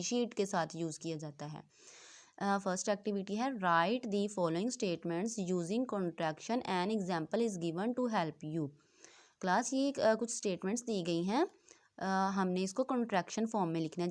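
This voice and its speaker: Lady teacher going over a textbook lesson for kids, mid-pitch voice, slow careful reading. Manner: explains in Hindi, reads English text slowly. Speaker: school teacher. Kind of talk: recorded class lesson.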